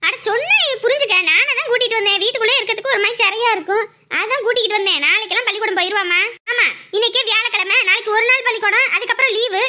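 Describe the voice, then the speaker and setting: A protective grandmother, played by a woman, bickering and scolding at a rapid clip. Her voice is very high and bright. She fires her words off fast. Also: exaggerated voice. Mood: defensive. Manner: quick, scolding, bickering talk. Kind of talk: family drama acting.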